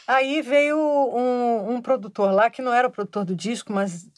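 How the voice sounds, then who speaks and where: A Brazilian woman with a Brazilian Portuguese accent, a singer-songwriter guest telling a long story in a relaxed interview and chuckling mid-sentence. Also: on the high side, moderate pace, dry recording.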